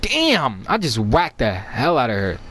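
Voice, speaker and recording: A man's voice: mid-range voice, huge pitch swings, measured pace, crowd noise. A young man co-hosting a podcast in casual, slangy banter, repeating himself for emphasis. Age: young adult. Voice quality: slangy speech. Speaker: podcast co-host.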